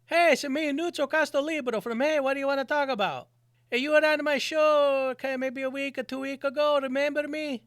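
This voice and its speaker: A man playing an excitable character who speaks broken English and launches into comic rants. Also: extremely high pitch, brisk, dry recording, studio quality, pitched above the performer's own voice. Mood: eager. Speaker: host. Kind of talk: comedy sketch.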